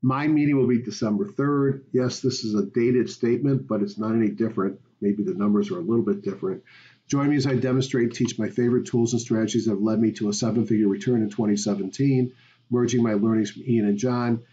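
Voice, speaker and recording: A man's voice: mid-range voice, fairly even intonation, quick pace, mellow, dull audio, a little hiss or hum. A man, a stock market educator, hosting a weekly market review, talking conversationally and rambling with fillers.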